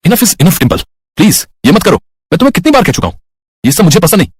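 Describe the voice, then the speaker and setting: A woman doing a husky, shy young husband. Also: a bass voice, very animated, a little fast, dry recording, studio quality, voice pushed down, full character voice. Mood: stern. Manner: hesitant, then stern. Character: young husband, shy and uneasy, then firm. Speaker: narrator voicing a character. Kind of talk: storybook narration.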